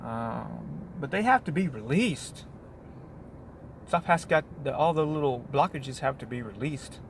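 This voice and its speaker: A man in a plain mid-pitched voice rambles through a casual monologue from a parked spot on his work break, circling back on himself and tossing in asides. Faint noise hums underneath. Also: lively intonation, unhurried, creaky. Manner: meandering, full of restarts and "you know what I mean". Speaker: vlogger.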